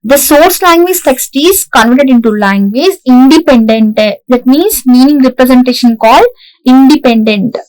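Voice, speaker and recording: High-voiced Indian woman lecturing. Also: moderate pace, darkish tone, rough recording. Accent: Indian English. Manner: repeats "right?" to check understanding, frequent restarts. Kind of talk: classroom lecture.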